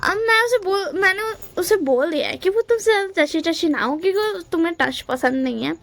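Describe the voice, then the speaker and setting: A woman voicing a patient older brother who gently pleads and coaxes. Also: very high voice, animated, a little fast, gravelly, voice pushed up, exaggerated voice. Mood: coaxing.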